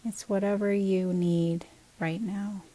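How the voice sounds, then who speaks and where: A woman teacher with a mid-range voice guides a body scan meditation. She speaks calmly, gently and without hurry, pausing between short phrases.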